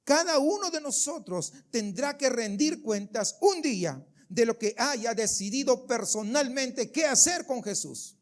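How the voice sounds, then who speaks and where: This male pastor's voice sits unusually high as he delivers an animated church sermon. He takes his time yet barely pauses, speaking with emphasis and repeatedly putting questions to the people in the pews.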